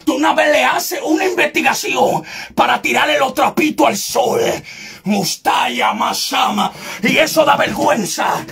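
A man preaches in a relentless shout, his voice pitched very high and gravelly. He hammers each point confrontationally, now and then bursting into tongues. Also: normal speed, soft background music. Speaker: evangelist preacher. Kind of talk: fiery shouted sermon.

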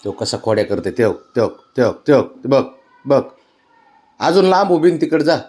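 Lively coaxing man talking to cats. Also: medium pitch, normal speed. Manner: coaxing, teasing baby-talk, scolding playfully. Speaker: pet owner. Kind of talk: casual talk to pet cats.

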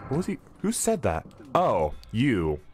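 A man streaming a video game, commenting casually in a joking, swearing, animated way. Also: medium pitch, a little slow, faint music behind.

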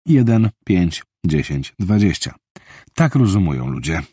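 A man reading a calm, reasoning investigator. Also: low voice, unhurried, husky, no echo, studio quality, exaggerated voice. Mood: measured. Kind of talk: audiobook character reading.

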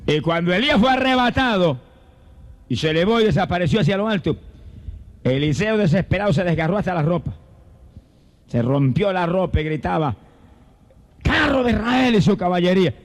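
Male evangelist, high voice, fervent Pentecostal sermon style, calm teaching that rises into shouted praise before a church crowd. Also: fairly quick, pauses often. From Puerto Rico. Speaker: evangelist preacher. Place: church service before a congregation.

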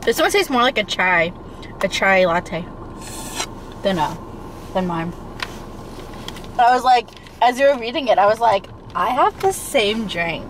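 A woman's voice: mid-range voice, unhurried, pauses often, rough recording. A young woman vlogger chatting casually during a drink taste test, talking around a straw held between her teeth. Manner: chatty, slangy, relaxed. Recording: noticeable background noise.

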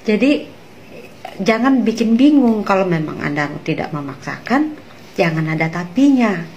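A young woman from West Sumatra, a convert, answers critics' comments directly to a phone camera held at arm's length in a small room. She speaks earnestly at a normal speed, her mid-range, darkish voice lively in intonation, using rhetorical questions. The sound is lo-fi with slight background noise.

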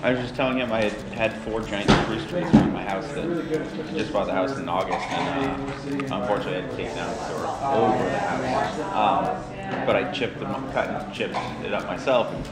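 Lively man in a roomy hall. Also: fairly low pitch, a little fast, loud music behind the voice. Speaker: class participant. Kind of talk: casual chat.

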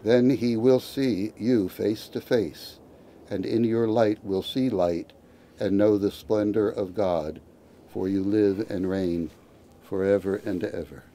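A man, a priest, reciting committal prayers at a graveside in a measured, liturgical way. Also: lowish voice, fairly even intonation, warm tone, slight background noise.

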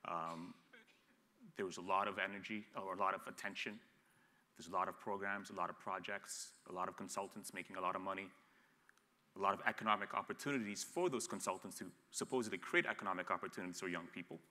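A man in his thirties who grew up in Ethiopia speaks as an entrepreneur on a panel, seated in an armchair on a studio stage set. His low voice is fast, bright, and forceful with fairly even intonation, trailing a long reverb. He talks bluntly and frankly, often restarting and repeating words.

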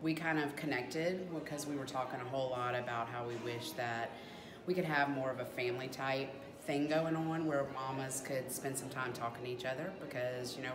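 A woman's voice: a bass voice, reverberant. A middle-aged woman chatting reflectively as an interviewed mother. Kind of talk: reflective casual chat. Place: small lamp-lit room.

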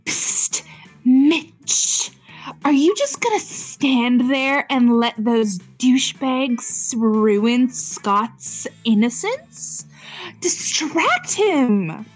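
A woman plays a sassy snake-haired monster lady in a video game. The snake voice is slow, drawn out and husky, full of scolding swoops. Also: sits high, very animated, faint music behind, heavily acted, rough recording. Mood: sassy urging. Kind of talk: voicing a video game's dialogue.

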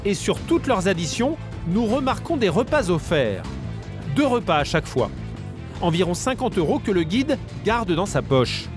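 A man's voice: sits high, sing-song, moderate pace. A man narrating a documentary report in a scripted voice-over, over a music bed.

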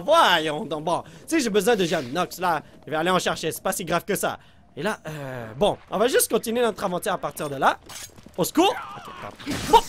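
A man with a Québécois French accent giving excitable gameplay commentary, reacting loudly and talking straight to his viewers with English exclamations mixed in. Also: high voice. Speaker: let's play host.

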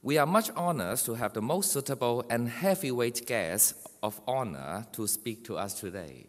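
A man's voice: medium pitch, animated. A man giving a formal welcome speech as moderator at a podium in a large conference hall. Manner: measured, formal delivery. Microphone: podium microphone. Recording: long hall reverb.

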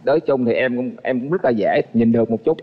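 A man's voice: medium pitch, quick pace. A young man answers questions on a dating show, polite and deferential, often in short replies. The sound is reverberant and a little dull, with music underneath. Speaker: male contestant.

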